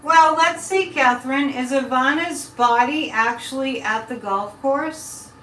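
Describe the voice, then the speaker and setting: A woman whose voice sits high, bright and forceful speaks a little slowly while hosting a casual live psychic chat. She rambles to viewers and breaks off mid-thought. Faint noise, an echoey room and a distant mic shape the sound.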